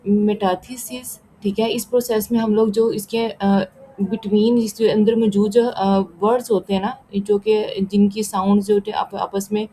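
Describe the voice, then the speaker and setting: Casting: woman tutor, mellow soft tone, unhurried explainer, faint noise behind. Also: mid-range voice, rough recording. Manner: slows right down when reading English text aloud, explains again in Hindi-Urdu; frequent fillers and "theek hai" check-ins. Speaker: tutor explaining an assignment solution. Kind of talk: casual lesson mixing Hindi-Urdu and English.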